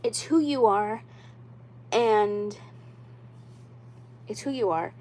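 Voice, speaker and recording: Extremely slow and darkish in tone, this mid-range woman's voice belongs to a doll YouTuber in her twenties chatting casually on her livestream about collecting dolls. She's earnest and insistent, going over the same ground repeatedly and relying heavily on "like" and "you know."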